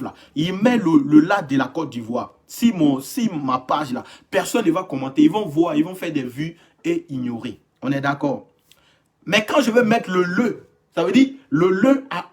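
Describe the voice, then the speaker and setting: Young male streamer with a slightly high voice and an animated, repetitive delivery that slips into imitations of his commenters. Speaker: live-stream host. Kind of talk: casual live-stream monologue.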